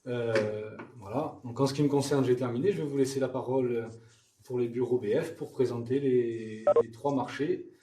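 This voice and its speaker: A man hosting a webinar introduction informally, haltingly repeating words as he searches, heard in a roomy, distant recording. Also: medium pitch, steady tone, warm tone. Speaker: webinar host giving introduction. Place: training room with attendees. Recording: roomy, distant mic with faint noise.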